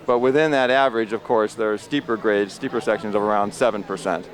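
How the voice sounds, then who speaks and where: A man co-hosting live coverage of a road race outdoors, explaining the course in a precise, measured, technical way. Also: lowish voice, steady tone. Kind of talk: explanatory live broadcast commentary.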